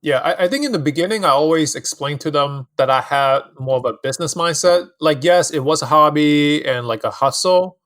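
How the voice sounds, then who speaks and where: A man's voice: a little high, brisk, hardly any pauses, no room sound. Podcast guest: laid-back man from Hong Kong, conversational storyteller, filler-heavy, dry close mic. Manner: relaxed, lots of "like" and "you know", light laughs. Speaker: guest, style influencer. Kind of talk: casual interview storytelling.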